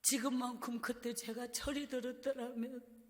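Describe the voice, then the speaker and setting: High-voiced woman preacher in a church. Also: little pitch movement, normal speed. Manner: emotional storytelling, dropping to hushed, breathy tones. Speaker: evangelist preacher. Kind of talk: revival sermon testimony. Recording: reverberant church hall.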